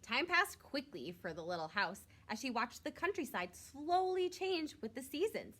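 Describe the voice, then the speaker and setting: Here a woman gives a storybook read-aloud in a schoolteacher's manner, her pitch animated and moving up and down considerably. She stays expressive and stops now and then for brief, simple asides directed at little listeners.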